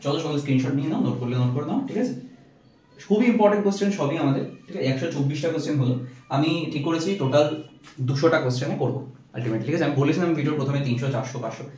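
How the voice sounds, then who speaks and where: A man's voice: on the high side, darkish tone. A male teacher goes through exam multiple-choice questions. He reads each set of options, then gives the answer with fillers, and mixes English words into his speech. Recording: very echoey, from far off.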